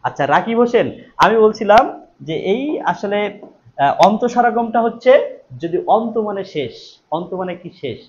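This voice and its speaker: A man teaching a live online exam-prep class, repeating each question and then answering it himself, stressing key words. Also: sits high. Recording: dull lo-fi stream audio with faint noise.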